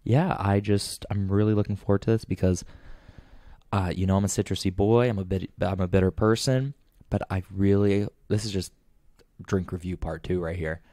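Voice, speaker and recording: A young man chats on a casual podcast in a lowish, mellow voice. He rambles, piles on fillers and gets animated. The sound is dry and close. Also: normal speed, no room sound. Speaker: podcast co-host. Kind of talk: casual chat.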